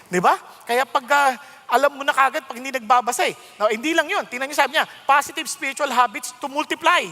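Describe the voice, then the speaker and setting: A middle-aged Filipino pastor preaching an animated sermon that switches between Tagalog and English. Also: very high-pitched, fast. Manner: animated, mixing Tagalog and English, self-mocking humor. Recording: long hall reverb.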